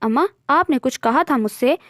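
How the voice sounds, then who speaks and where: A woman's voice: sits high, expressive, normal speed, a bit bright, dry recording, studio quality. Charming young man Saad, read by a woman. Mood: light.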